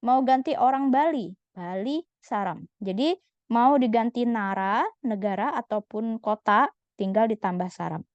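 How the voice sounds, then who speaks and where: A woman from Indonesia walks her students through a language lesson, patient and explanatory, checking in often. Her voice sits a little high. The recording is dry and somewhat dull, with no room sound. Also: a little mellow, no echo. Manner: patient, explanatory, frequent "gitu ya" tag. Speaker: Korean language teacher.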